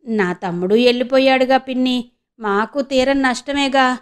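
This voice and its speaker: A woman's voice: high voice, moderate pace, clear, resonant tone, close to an everyday voice. A woman voicing an eager, earnest young village girl who speaks in rustic speech. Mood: gentle.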